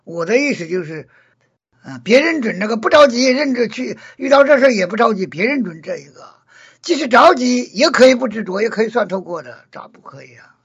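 A high-pitched man with a gravelly, very husky voice talks through a casual Buddhist discussion. He explains earnestly and keeps restating his points in new words. The recording sounds dull and lo-fi. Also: lively intonation, fairly quick. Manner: earnest, repeats and rephrases points.

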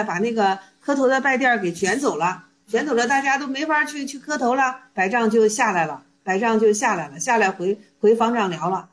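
High-voiced woman retelling koans animatedly. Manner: animated retelling, repeats and restarts words. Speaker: teacher explaining Zen koans. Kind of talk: conversational lecture with storytelling.

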